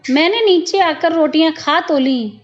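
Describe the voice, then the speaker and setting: A woman storyteller narrating a first-person moral tale in a gentle, reflective way, on a slightly dull lo-fi recording. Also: extremely high pitch, unhurried.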